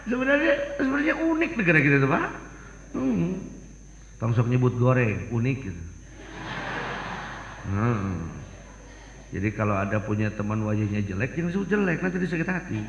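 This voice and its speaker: A man's voice: medium pitch, big pitch swings, moderate pace, long pauses, a little hiss or hum. A man giving a humorous sermon, joking and telling stories full of voices, in an echoey hall. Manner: joking, storytelling with many voices. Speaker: preacher.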